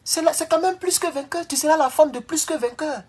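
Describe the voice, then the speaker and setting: A man rambles through a casual live-stream monologue to his viewers, lurching from loud, high outbursts to low mutters. He speaks fairly quickly, and there's a little hiss or hum.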